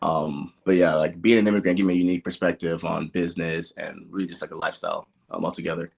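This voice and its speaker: A young man born in Nigeria and raised in the American Midwest talks casually as a podcast guest, telling personal stories in an interview and filling them with "like" and "you know." His low voice barely moves in pitch and comes out fast, gravelly, husky, and darkish.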